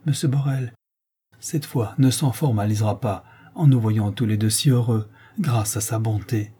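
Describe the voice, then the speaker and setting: A man voicing a gentle former convict who talks tenderly and tearfully, pleading and sorrowful. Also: fairly low pitch, moderate pace, husky. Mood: joyful.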